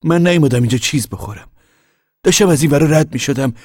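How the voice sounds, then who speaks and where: Man voicing a lonely farmer, raised pitch, wistful, dry recording. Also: darkish tone, dry recording, natural voice. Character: lonely middle-aged man left behind on land.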